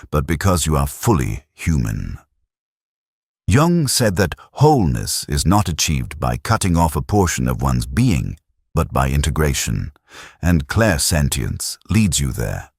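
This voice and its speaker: A man's voice: rumbling low, darkish tone, breathy edge, dry recording, clean studio sound. A man giving scripted narration in a solemn, meditative delivery.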